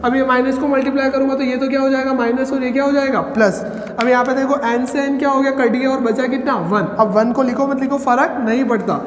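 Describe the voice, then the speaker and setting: A man's voice: extremely high pitch, steady tone, fast, slight background noise. A man teaching physics, posing questions to the class and answering them himself as he derives formulas. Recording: roomy echo with long reverb.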